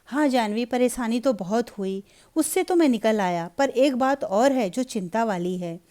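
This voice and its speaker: A woman voicing a calm, steady young husband in a Hindi storybook reading, with a soft, warm voice. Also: on the high side, a little slow.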